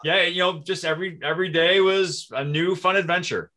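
Podcast guest: man, forties, from Minnesota, friendly self-deprecating storyteller, sharp bright voice. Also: high-pitched, fairly even intonation, a little fast. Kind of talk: casual conversation.

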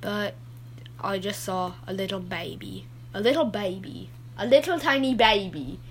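A woman's voice: mid-range voice, unhurried, gravelly, a little hiss or hum. A woman voicing a goofy, rambling adult male dad who keeps getting sidetracked in his story.

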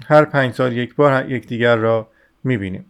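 A man's voice: mid-range voice, clean tone, muffled recording, close to an everyday voice. A man voicing an eager, chatty young male student in an audiobook reading. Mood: eager chatter. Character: Razumikhin, lively talkative young male student.

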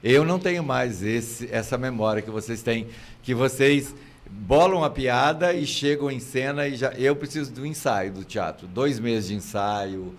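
Older man, expressive storyteller. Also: medium pitch, normal speed. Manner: expressive storyteller, acts out anecdotes. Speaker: theater actor. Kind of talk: casual chat.

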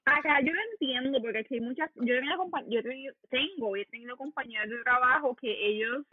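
A woman's voice: high voice, quick pace, breathy edge, no echo. A young woman with a Puerto Rican accent in a casual chat, speaking in an outspoken, emphatic way. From Puerto Rico. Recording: phone-like, thin sound.

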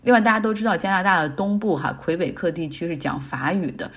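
Middle-aged woman, podcast host; low, husky voice, easygoing chatty commentary. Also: lively intonation, fast. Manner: chatty, explains English words in Chinese. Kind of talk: casual commentary.

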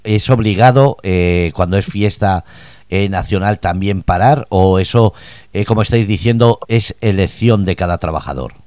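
A man with a lowish voice hosts a radio talk show, putting questions to a guest with pauses and fillers. The sound is dry, with no room around it. His tone stays conversational. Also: a little mellow, dry recording. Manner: hesitant questions with many fillers. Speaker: radio host. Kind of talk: radio interview.

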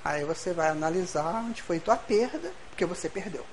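A man's voice: sits high, animated, moderate pace, slight background noise. A middle-aged man with a Brazilian Portuguese accent, leading a study group with a spiritual lecture, speaking folksily and acting out little dialogues as he addresses the group.

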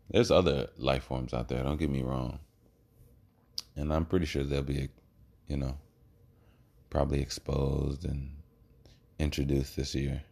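Very deep, creaky-voiced man, musing slowly. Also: a little mellow. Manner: halting, reflective, trailing pauses. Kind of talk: rambling spoken monologue.

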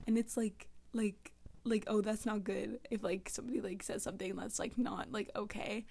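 A teenage girl who vlogs about books chats casually about one she's reading, rambling, giggling, and saying "like" a lot. Her medium-pitched voice is steady, a little mellow, and slightly rough with vocal fry, and she talks at a normal speed.

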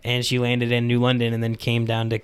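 A man's voice: medium pitch, completely flat delivery, brisk, clean tone. A man hosting a podcast, telling a story in casual chat and filling his talk with "like". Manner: rambling, fills talk with "like". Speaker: podcast host.

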